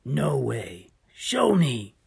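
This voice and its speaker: Storybook hippo, young anxious male, read by a woman, worried doubtful tone, slow husky delivery. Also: extremely low pitch, wildly swooping pitch, darkish tone, full character voice.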